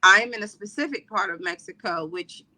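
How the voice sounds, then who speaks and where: A middle-aged Caribbean wellness coach from Trinidad and Barbados chats freely as a podcast guest. Her voice is mid-range and sharp, at a moderate pace, and her casual interview talk is full of fillers and restarts.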